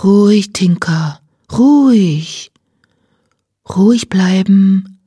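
A woman voicing a shy, soft-spoken girl. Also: mid-range voice, lively intonation, extremely slow, slightly rough, no echo, clean studio sound, exaggerated voice. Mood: soothing. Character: shy gentle girl with a way with horses.

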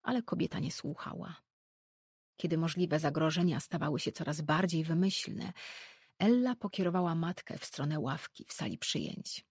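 A woman reads a novel aloud in an even, measured storybook narration. Her voice sits slightly low, with a gravelly, husky edge, recorded close and dry. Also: dry recording. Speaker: audiobook narrator.

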